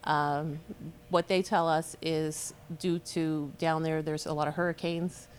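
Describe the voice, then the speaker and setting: A woman's voice: low voice, little pitch movement, a little slow, clean tone. A woman who works at an auction house and trains as an auctioneer, explaining how bidding works in a chatty way and laughing easily. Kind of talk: casual interview answers.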